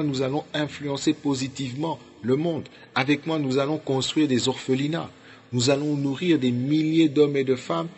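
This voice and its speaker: A man from Congo preaching a sermon, fervent, rising to loud outbursts and dropping to quiet, low endings.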